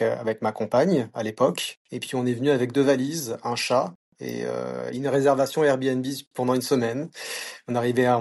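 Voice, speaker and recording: A man speaking with a Parisian French accent answers interview questions in a casual, unhurried way. He hesitates often and restarts his sentences, at a middle pitch. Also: creaky. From France. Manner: relaxed, many hesitations and restarts. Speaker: podcast guest.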